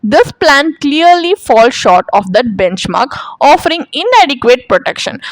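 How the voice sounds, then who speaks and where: Measured woman in a dry voice-over. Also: sits high, big pitch swings, no room sound, low-quality recording. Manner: measured, explanatory. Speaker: channel presenter. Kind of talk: scripted financial review.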